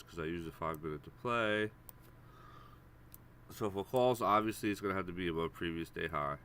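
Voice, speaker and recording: A stock trading streamer with a stuffy head cold calls out stock levels in a low, congested, nasal voice that is a bit bright. Casual and repetitive, he addresses viewers as guys during a live premarket chart walkthrough, with a little hiss or hum audible.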